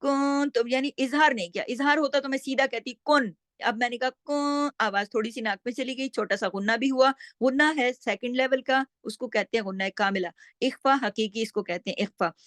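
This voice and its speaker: A woman's voice: fairly high pitch, fairly quick, few pauses, fairly bright tone, no room sound. A woman teaching Quran recitation step by step. She patiently explains each sound and demonstrates how it is pronounced.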